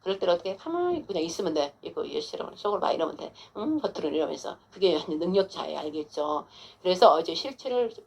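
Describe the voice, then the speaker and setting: A woman's voice: lowish voice, big pitch swings, fast talker, gravelly, hardly any pauses, a little mellow. A woman pastor giving an informal, emphatic sermon to a congregant, coaxing with frequent rhetorical questions.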